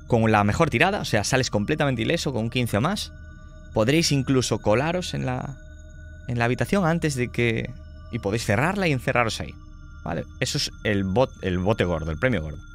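A man with a mid-range voice acts as game master for a tabletop horror game. He lays out the options in a measured way and checks in with the players often.

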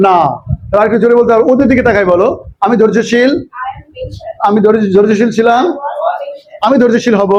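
A male English teacher from Bangladesh drills a room of pupils in loud, repetitive call-and-response, urging them to speak up. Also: extremely high pitch. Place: classroom full of pupils, indoors. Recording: dull lo-fi audio with noisy class behind.

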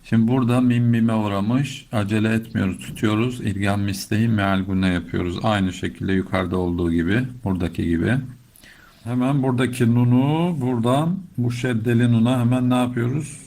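A middle-aged man teaching Quran recitation step by step, explaining patiently and chanting verses slowly. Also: on the low side, darkish tone. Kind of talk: slow step-by-step recitation lesson.

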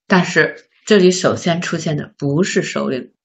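A woman teaching a beginner English lesson, patiently asking learners questions and sounding out words slowly. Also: sits low, gravelly, husky. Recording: slightly dull lo-fi recording.

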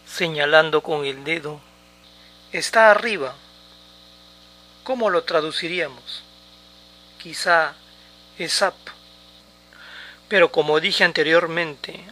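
Slow, bright-voiced man teaching English. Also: a little high. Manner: repeats English words slowly for pronunciation drills. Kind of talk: slow, deliberate language lesson.

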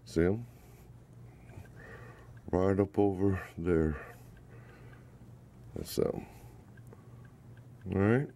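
A man's voice: low voice, extremely slow, pauses often, mellow. A middle-aged man with a Northwest Indiana accent giving a chatty, rambling walking tour to a handheld camera. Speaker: vlog host. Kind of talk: casual walking tour vlog. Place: outdoors and inside a church building. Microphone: handheld camera at arm's length. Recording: noisy outdoor camera audio.

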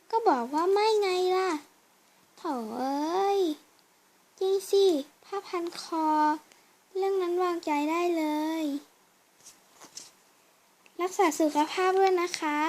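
Very high-pitched woman acting a fan drama. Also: a little mellow. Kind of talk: fan voice drama with many roles.

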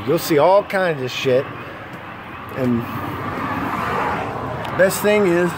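A flatbed truck driver in his thirties, with a slightly high voice, films a casual how-to outdoors next to his trailer on a handheld phone held close. He rambles, restarts, and curses freely. Loud traffic and vehicle noise fill the recording.

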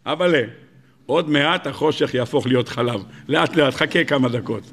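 A man preaching a sermon as a rabbi, animated and emphatic, acting out voices in his stories. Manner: animated preaching, rising to high emphatic peaks and acting out dialogue.

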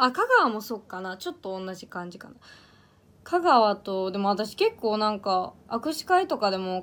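Young female idol livestreamer, Iyo dialect, loose chatty delivery, frequent laughs and restarts. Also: on the high side. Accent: Iyo dialect of Ehime, Japan. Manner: chatty, laughs often, stumbles and restarts words. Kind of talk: casual livestream chat reading comments.

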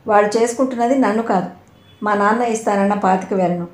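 A woman voicing a bold, sharp-tongued young woman in a storybook reading, brash and scornful. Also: medium pitch, quick pace, lightly acted. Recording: roomy echo.

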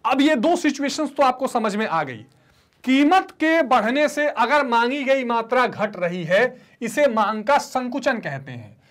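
Male teacher with a lively, swooping delivery. He works in call-and-response, has students repeat key terms, and answers for them himself. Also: very high voice, a little slow. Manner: voices students' replies to himself; mixes English terms into his explanation. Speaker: economics teacher. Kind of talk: online classroom lecture.

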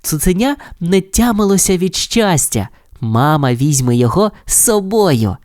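A narrator reading a children's audio fairy tale in an expressive, lilting storytelling voice. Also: medium pitch, a little slow, no room sound, clean studio sound.

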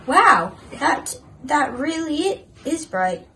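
A woman's voice: sits high, big pitch swings, takes it slowly, a bit bright, slight background noise, voice pushed up, heavily acted. A woman voicing Jacob, a sleepy, frightened male shepherd in a church nativity story, who stammers in a shaky voice.

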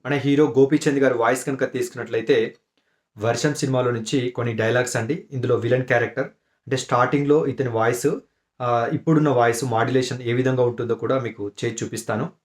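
A man hosting his own mimicry vlog, introducing clips in a polite, relaxed way with hesitation fillers. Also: mid-range voice, fast. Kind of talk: casual channel intro.

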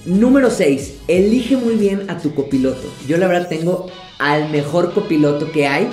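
Friendly young man, mellow voice. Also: a little high, animated, moderate pace, echoey room, soft background music. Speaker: travel vlogger. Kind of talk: casual advice to camera. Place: living room, indoors.

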